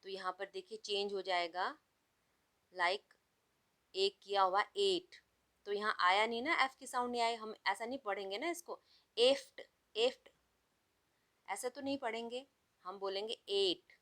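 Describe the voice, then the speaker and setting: A woman's voice: mid-range voice, fairly even intonation, moderate pace, pushed and bright. A woman teaching an English lesson, spelling words out letter by letter and mixing Hindi with English. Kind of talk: slow explanatory class lesson.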